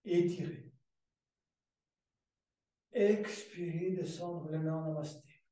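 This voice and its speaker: Calm man guiding yoga in echoey room. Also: a little high. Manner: calm, slow step-by-step breathing cues with soft repetitions. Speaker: yoga teacher. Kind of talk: guided yoga class instruction. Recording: very echoey room, mic far away.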